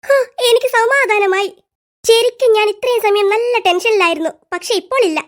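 A voice actor voicing squeaky schoolkids in an animated comedy, trading quick teasing banter. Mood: bickering. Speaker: cartoon voice actor.

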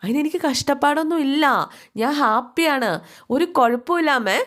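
Woman voicing a stubborn young guy telling his mom no, firm but gentle. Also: very high-pitched, normal speed, voice pushed up. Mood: reassuring. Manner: stubborn, pleading. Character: proud young man refusing to go home.

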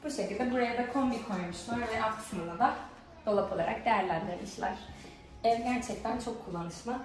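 A woman's voice: a little high, moderate pace. Young woman vlogging in a very echoey room. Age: 20s. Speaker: vlogger giving an empty home tour. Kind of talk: casual vlog chat to viewers. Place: empty apartment rooms, indoors. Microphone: camera or phone a few steps away. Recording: very echoey empty rooms, far from mic.

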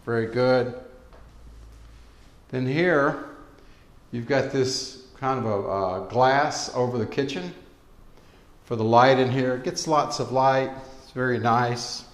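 A man's voice: medium pitch, slow pace, long pauses. A man narrating a casual walkthrough tour of an empty apartment as a leasing agent, matter-of-fact with frequent fillers, recorded on the camera while walking room to room. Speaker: real estate leasing agent.

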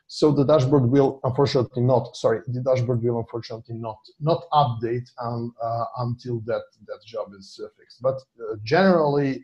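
Over a video call, a man whose first language is Serbian talks colleagues through a dashboard he's screen-sharing, stumbling into many fillers and restarts. His medium-pitched, mellow voice comes through a low-quality recording.

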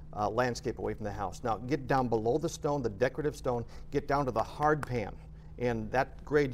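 A man's voice: mid-range voice, darkish tone, a little hiss or hum. A middle-aged man, a guest expert on a TV studio show, explaining plainly with occasional filler words. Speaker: basement waterproofing expert guest. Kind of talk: explaining on a TV interview. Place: TV studio set.

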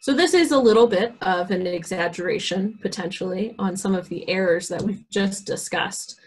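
A woman presenting a career skills workshop, explaining points and often pausing with "um". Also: mid-range voice, slightly rough. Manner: frequent "um" fillers, reads example emails aloud. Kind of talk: online workshop lesson.

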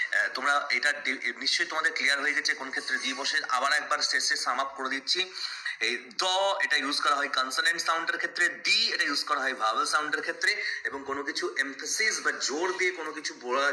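A man teaching English pronunciation in an explanatory lesson, repeating examples slowly and drawing out the English words. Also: a little high, pushed and bright. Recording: echoey room.

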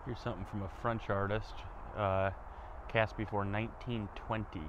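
A man with a Midwestern American accent narrating a walking tour of a snowy outdoor park in a casual, relaxed way, thinking aloud as he walks, recorded on a body-worn camera. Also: on the low side, moderate pace, dull audio, noisy background. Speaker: vlogger giving a walking tour.

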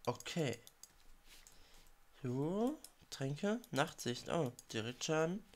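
A man's voice: fairly high pitch, very animated, drawn-out words. A man with a cold giving casual commentary while playing a video game, muttering his reactions to himself. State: has a cold. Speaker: let's play gamer.

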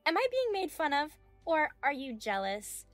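A woman's voice: high-pitched, very animated, moderate pace, no room sound, faint music behind. Woman voicing a smug young mistress. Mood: taunting. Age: 20s. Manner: mocking, condescending. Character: smug young female medical student mistress.

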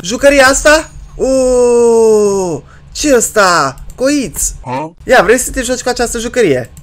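A man giving jokey let's-play commentary on a horror game, excitable and given to sudden loud yelps. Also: extremely high pitch, noisy background. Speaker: gaming YouTuber.

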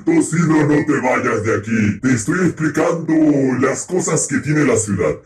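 A man's voice: medium pitch, lively intonation, unhurried, close to an everyday voice. A man voicing a grandiose, bossy ruler, scolding his sidekick and panicking when threatened in a game roleplay. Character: self-proclaimed boss, grandiose conqueror. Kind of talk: roleplay commentary in a video game. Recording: roomy echo, faint noise.

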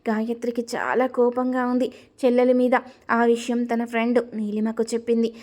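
A woman's voice: a little high, level tone, moderate pace, dark tone. A woman narrating a serialized family drama story, reading every character's dialogue herself with little change of voice.

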